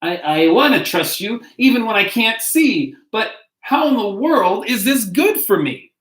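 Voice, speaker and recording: A man voicing a small, scared little seed in a children's storybook, high and anxious. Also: big pitch swings, measured pace, a bit bright, full character voice. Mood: worried. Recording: echoey room.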